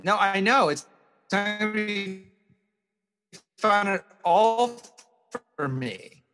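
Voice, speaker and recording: Male podcast co-host, easygoing rambler on a glitchy call, voice sitting a touch high, audio skipping in a buffering stutter. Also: lively intonation, slow, bright, forceful tone, in a large hall. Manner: easygoing, rambling with many fillers. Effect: choppy, skipping internet audio that stutters as it buffers. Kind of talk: casual chat. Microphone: video call. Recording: distant, dropping-out video-call audio.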